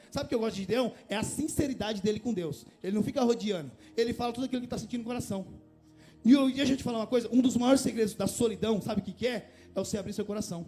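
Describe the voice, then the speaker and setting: A man's voice: extremely high pitch, darkish tone. A man preaching a conversational sermon in a church, asking his congregation rhetorical questions and rising to passionate appeals. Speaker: pastor.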